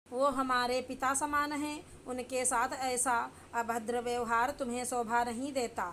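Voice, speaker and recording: Woman voicing a gentle, dutiful daughter-in-law. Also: high voice, little pitch movement, a little slow, slight background noise. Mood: earnest. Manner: gentle, earnest.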